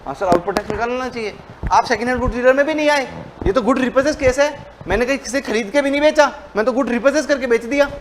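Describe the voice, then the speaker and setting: A man teaching a commerce class, speaking casually and mixing English terms into his speech. He acts out both sides of the lesson, switching his pitch to play the student's questions and then answering them himself. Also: quick pace, a little hiss or hum. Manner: colloquial, mixes Hindi with English terms. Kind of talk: lecture with role-played dialogue.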